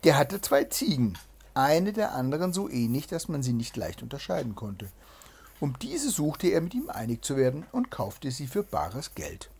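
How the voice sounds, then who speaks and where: A storyteller reading an old tale aloud to a child, with a breathy voice and expressive delivery. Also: mid-range voice, moderate pace. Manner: expressive, lively read-aloud.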